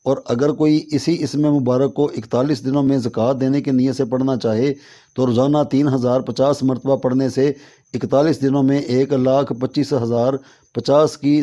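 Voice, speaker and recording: A man reading instructional narration aloud, steady and measured, working through long lists of numbers. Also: medium pitch, highs cut off. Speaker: teacher of devotional recitation methods.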